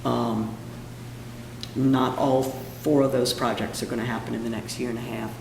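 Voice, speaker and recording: A man with a hoarse, froggy voice from a cold, giving an informal presentation at a meeting. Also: medium pitch, flat delivery, moderate pace. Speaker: presenter of a budget request at a town meeting. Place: meeting room, indoors. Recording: echoey room, clear background noise.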